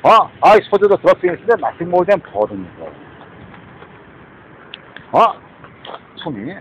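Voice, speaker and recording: A man's voice: sits high, big pitch swings, drawn-out words, fairly bright tone, muffled recording, a little hiss or hum. A man delivering a rambling, muttering monologue outdoors, trailing off and often tossing in a questioning "eh?". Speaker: street vlogger.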